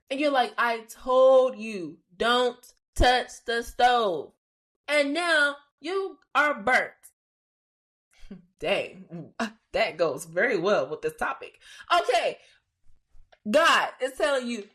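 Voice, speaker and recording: A woman's voice: on the high side, bright, forceful tone. A woman hosting a faith-based podcast, talking casually and expressively, laughing often and dropping slangy asides. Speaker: podcast host.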